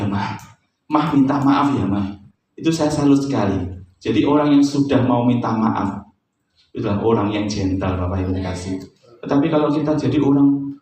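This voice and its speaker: Man preaching in an echoey church hall. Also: medium pitch. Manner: chatty, jokes with congregation. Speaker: pastor. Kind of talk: sermon. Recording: echoey church hall, distant mic, faint noise.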